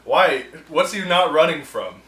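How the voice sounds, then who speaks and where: A man hosting a film review show delivers casual, sarcastic rants in a bright, forceful voice. He sits back from the mic, so his voice rings in a roomy echo. Faint ambient sound hums behind him. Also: fairly high pitch, a little slow, distant mic. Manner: sarcastic, animated ranting.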